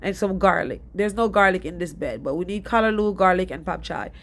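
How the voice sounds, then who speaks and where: A young Jamaican woman giving a casual, rambling voice-over about her garden, stuffy and short of breath. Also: fairly low pitch. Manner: chatty, rambling and fast-talking. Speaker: DIY gardening vlogger.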